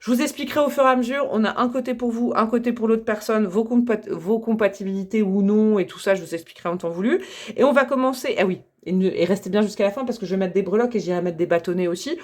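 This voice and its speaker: A woman's voice: mid-range voice, fast. A young woman chatting to viewers as she reads tarot and oracle cards, enthusiastic and laughing often. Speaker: tarot reader. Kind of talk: casual tarot reading to camera.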